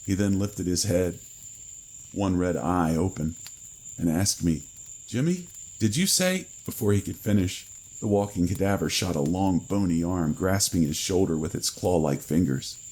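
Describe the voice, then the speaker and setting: A man reading a first-person horror story in a slow, grave storytelling manner. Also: low-pitched, steady tone, dark tone, slightly rough, low-quality recording. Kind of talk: scripted horror narration.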